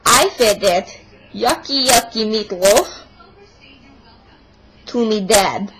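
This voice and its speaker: A woman's voice: mid-range voice, takes it slowly, fairly bright tone, breathy edge, heavily acted. A woman doing a grumbling fake-Russian meatloaf lover. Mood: indignant. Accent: put-on Russian accent. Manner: broken English, dropped articles, exaggerated complaining. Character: indignant young Russian woman, meatloaf-obsessed, stubborn. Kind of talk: comic monologue in character. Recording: noisy home video recording.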